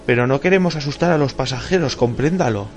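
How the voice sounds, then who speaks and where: A man's voice: medium pitch, fast talker, soft background music, pitched above the performer's own voice, close to an everyday voice. A male audiobook reader voicing a stern airline pilot who gives firm warnings and orders.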